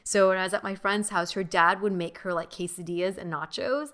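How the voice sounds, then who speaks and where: A woman's voice: medium pitch, steady tone, a little fast, fairly bright tone. A young woman co-hosting a podcast, reflectively recounting childhood memories in casual talk with many fillers. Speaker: podcast co-host. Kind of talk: casual chat.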